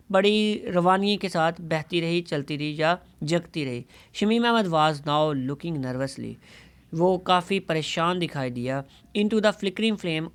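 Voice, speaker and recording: A man teaching English who reads a story aloud slowly, phrase by phrase, then explains each line more quickly and often corrects himself. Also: high-pitched, a bit bright, smooth. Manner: addresses students as "son".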